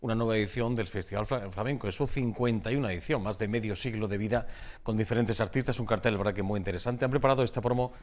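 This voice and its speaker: A man hosting a regional TV magazine from the studio. His voice sits low and he talks fast, piling on enthusiastic introductions. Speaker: TV studio host. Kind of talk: TV magazine presenting.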